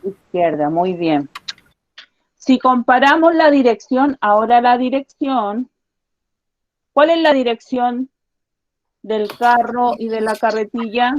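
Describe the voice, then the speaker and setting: A woman teacher giving a science lesson to children, patiently repeating her questions and slowly spelling out each point. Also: on the high side, dry recording, highs cut off. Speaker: primary school teacher.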